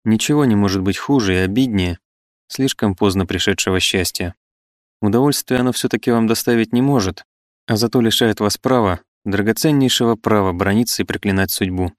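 A man's voice: lowish voice, a little fast, dry recording, clean studio sound, natural voice. A man reading the part of an irritable older male cynic, mocking and exclamatory. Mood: gloomy.

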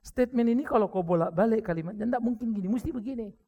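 A man with an Indonesian accent preaching a sermon, joking with the crowd and bursting into sudden shouts. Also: sits high, quick pace, muffled recording. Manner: lively preaching with jokes, acted quotes and sudden shouts. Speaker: pastor.

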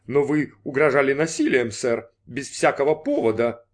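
A man voicing a stern, formal police lieutenant in an audiobook, measured and strict. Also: mid-range voice, natural voice.

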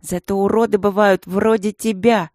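Sassy chatterbox schoolgirl, mocking, high pitched, woman reading. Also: moderate pace, a little mellow, dry recording, studio quality, lightly acted. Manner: mocking, snippy.

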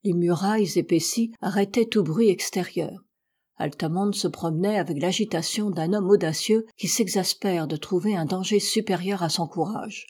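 A woman reading a classic adventure novel aloud in a steady, measured narration. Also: fairly low pitch, husky. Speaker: audiobook reader.

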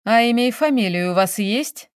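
A woman's voice: fairly high pitch, lively intonation, moderate pace, clear, resonant tone, no echo, clean studio sound, natural voice. A woman reading a story, voicing a brusque, hot-tempered male police investigator who barks orders and questions. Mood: businesslike. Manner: barking, then coaxing.

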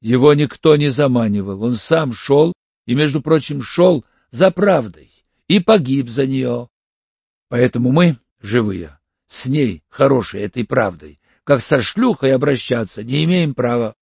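A male audiobook reader voicing a composed police detective who speaks in a firm, measured, commanding way. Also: mid-range voice, expressive, creaky, a little mellow, slightly rough, no echo, heavily acted. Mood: grave. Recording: dull lo-fi audiobook recording.

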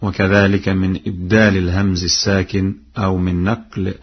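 A man from Egypt giving a broadcast lesson on Quran reading variants, explaining in a measured way and chanting verse examples. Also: deep voice, little pitch movement, slightly rough. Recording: lo-fi radio broadcast.

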